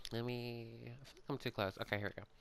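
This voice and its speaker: A man playing out a role-play story in a game for his channel, soft-spoken and hesitant with many pauses, sighs and yawns. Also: medium pitch, background noise. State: yawning, sleepy. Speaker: gaming channel creator.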